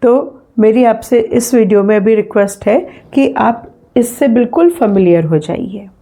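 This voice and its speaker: A woman teaching an English phonetics revision lesson in Hindi. She speaks patiently, with an Indian English accent, says words again slowly, and often checks in with "है ना". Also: on the high side, dark tone.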